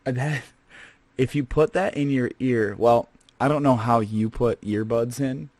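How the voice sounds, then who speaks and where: Measured in pace and a little mellow, this medium-pitched male voice belongs to a host playing a scavenger on a comedic podcast. He's lightly acted and chatty, rambling casually with lots of fillers, recorded without echo.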